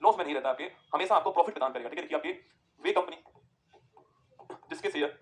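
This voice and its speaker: A man's voice: fairly high pitch, fast, a bit bright. A male teacher giving an exam-prep class lecture, dictating notes for students to write down, repeating points and checking in with the class again and again. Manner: repetitive, keeps checking in with students.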